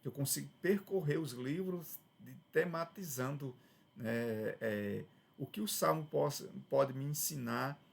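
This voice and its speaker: A man's voice: medium pitch, measured pace, creaky, slightly rough. A man with a Brazilian Portuguese accent giving a conversational Bible study lesson, often checking in with "né?" and restarting phrases. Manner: conversational, frequent "né?" tags and restarts. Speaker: Bible teacher.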